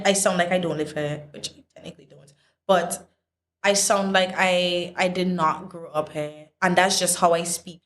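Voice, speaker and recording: Chatty, confident young woman, lowish voice. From Saint Vincent and the Grenadines. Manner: chatty, confident, playful asides to viewers. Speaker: guest. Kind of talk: casual interview chat.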